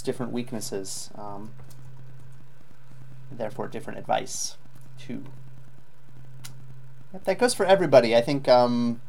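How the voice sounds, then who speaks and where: A man's voice: medium pitch, darkish tone, a little hiss or hum. Patient male IELTS teacher giving feedback. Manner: patient, explanatory, frequent ums. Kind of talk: live online lesson feedback.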